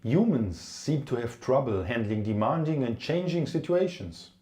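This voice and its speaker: A woman's voice: rumbling low, lively intonation, unhurried, dark tone. A woman playing a desperate human who pleads with an alien emperor in an emotional, dramatic science-fiction scene. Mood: pleading. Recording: roomy, echoing room sound.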